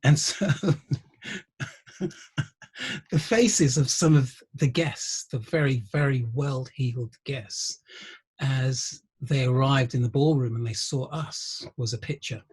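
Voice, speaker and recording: A middle-aged man, a guest musician and researcher, telling wry anecdotes in an interview, often pausing with ums. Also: medium pitch, a little mellow, husky. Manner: anecdotal, wry, laughs through stories, frequent ums. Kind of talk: conversational interview storytelling.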